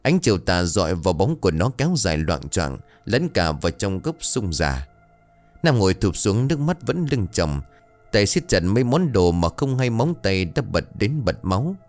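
A man reads a scripted ghost story aloud, keeping a steady storytelling pace. His voice sits low and calm. Soft music plays faintly behind him. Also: moderate pace. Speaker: narrator.

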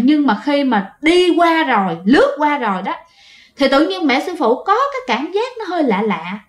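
A woman tells a ghost story in a loose, chatty way, often turning to address her listeners. Her voice sits fairly high. The recording carries a noticeable roomy echo. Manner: chatty, addresses listeners directly, many fillers. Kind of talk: casual spoken storytelling.

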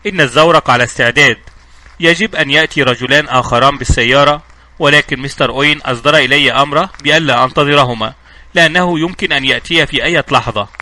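Guy doing a calm devon sailor, quiet and quick, bright tone. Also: medium pitch. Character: quiet weathered male sailor boatman.

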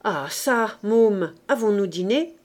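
A woman voicing a cheeky, brash street boy in a storybook reading, talking loudly and jauntily in a raised voice. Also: expressive, slow pace. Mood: cocky. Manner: loud, jaunty, raised pitch.

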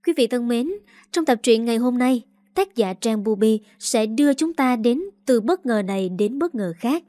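Mellow-voiced woman narrating a story. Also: a little high, lively intonation, dry recording, clean studio sound. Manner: smooth, measured storytelling. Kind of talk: scripted audiobook narration. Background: soft background music.

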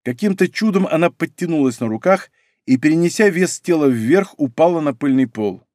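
A man reading a dramatic audiobook in a steady, tense storytelling manner, close to the mic. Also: on the high side, moderate pace, no echo. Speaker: audiobook narrator.

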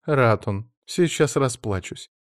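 Guy doing a grumpy rude soldier lady, louder and higher, dry close sound. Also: expressive, brisk, no echo, close to an everyday voice. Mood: grumbling. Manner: grumbling, rude, threatening. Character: gruff, sarcastic female soldier. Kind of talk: audiobook reading.

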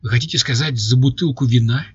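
A man's voice: medium pitch, quick pace, slightly rough, no echo, muffled recording. A man voicing a flustered hero who lectures and then protests in exasperation. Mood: protesting. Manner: exasperated, pleading.

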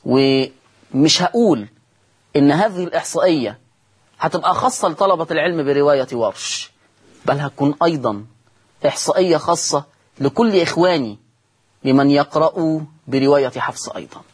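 A man's voice: fairly high pitch, animated, a little fast, long pauses, breathy edge. A man with an Egyptian accent teaching Quran recitation on a broadcast lesson, drawing out recited words and quizzing his listeners. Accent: Egyptian Arabic.

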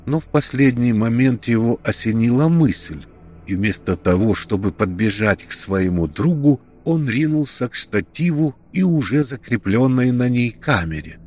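A man narrating a tense story in a steady, measured read. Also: medium pitch.

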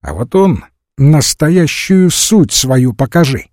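A man's voice: a little high, big pitch swings, slow pace, a little mellow, dry recording, clean studio sound, voice pushed up. A man reading an audiobook voices a blunt, sardonic old army major who scoffs in folksy sayings. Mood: scoffing. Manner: scoffing, proverb-laden.

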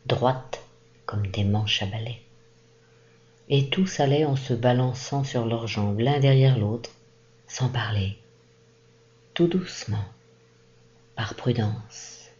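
A woman reading a classic short story aloud in a slow, measured, expressive narration. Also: rumbling low, highs cut off. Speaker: reader. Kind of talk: literary audiobook narration.

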